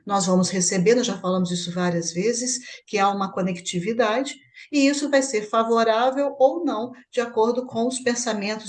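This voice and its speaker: A woman's voice: mid-range voice, a little mellow. A Brazilian woman leading a spiritist book study, explaining a chapter and checking with her partner. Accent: Brazilian Portuguese. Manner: explanatory, asks partner for confirmation. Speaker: study group host.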